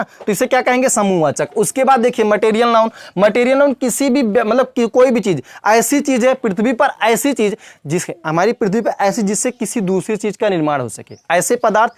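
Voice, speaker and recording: A man's voice: sits high, no room sound, clean studio sound. A man teaching English grammar in a classroom lesson, repeating points and quizzing the viewer with questions, calling them brother and child.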